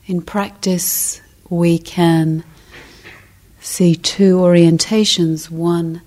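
Fairly even in intonation and low-pitched, a woman leads guided meditation. Gentle and deliberate, she speaks in short phrases with long pauses in between.

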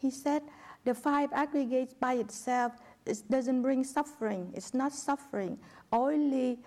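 A woman's voice: sits high, slow, darkish tone. A woman interpreting a dharma talk, hesitant and searching for words.

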